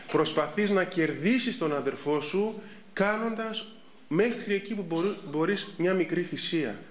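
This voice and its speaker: Middle-aged man, Orthodox priest, sermon, fairly high voice, echoey room. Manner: lively storytelling, acting out the people in his stories.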